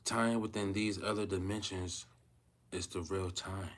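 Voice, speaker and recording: A man's voice: low voice, fairly even intonation, a little slow, a bit bright. A man in his thirties talking casually to viewers on a livestream, rambling and repeating himself, often asking if they feel him. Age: 30s. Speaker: vlogger.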